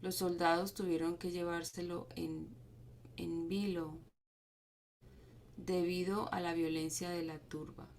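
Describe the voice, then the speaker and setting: A woman reading scripture aloud to a group, steady but with small stumbles and restarts. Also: on the low side, takes it slowly, pauses often, slight background noise. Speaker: Bible reading leader.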